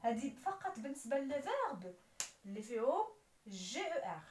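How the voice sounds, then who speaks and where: Moroccan lady teacher, high bouncy voice, talks fast, roomy echo. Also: slight background noise. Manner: lively, spells out letters and endings. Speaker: French teacher. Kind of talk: explaining a grammar lesson. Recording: roomy echo, voice somewhat far from the mic.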